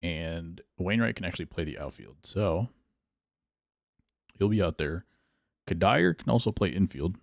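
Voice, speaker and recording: A man's voice: low-pitched, animated, a little slow, vocal fry, pauses often, no echo, studio quality. A male streamer chatting casually while he plays, thinking aloud about his picks and answering his chat. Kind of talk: casual gameplay livestream chat.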